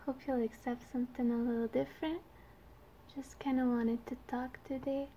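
A woman's voice: high voice, little pitch movement, normal speed, mellow, lo-fi sound, a little hiss or hum. A 22-year-old woman from Canada, a native French speaker with a Quebec French accent, chatting casually and shyly to her listeners in a youthful-sounding voice. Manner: shy, hesitant, giggly. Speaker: amateur audio creator.

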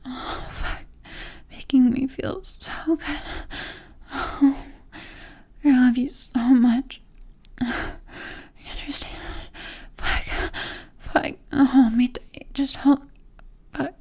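A woman performing an intimate audio roleplay in a soft, breathy whisper. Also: high-pitched, steady tone, extremely slow, long pauses.

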